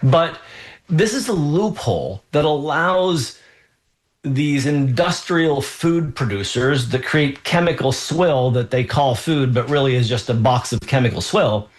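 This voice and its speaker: A man hosting a health radio show as a doctor, talking off the cuff in a deliberate, halting way with emphatic pauses. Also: mid-range voice, lively intonation. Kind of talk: unscripted health talk.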